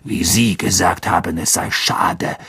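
A man voicing a cold, sneering male teacher in an audiobook reading, slow and menacing. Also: sits low, fairly even intonation, gravelly, fairly bright tone, slightly rough, pitched below the performer's own voice, full character voice. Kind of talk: audiobook character voice.

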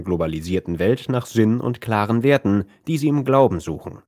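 A man reading a nonfiction book summary as scripted narration, in a measured, even delivery. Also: medium pitch.

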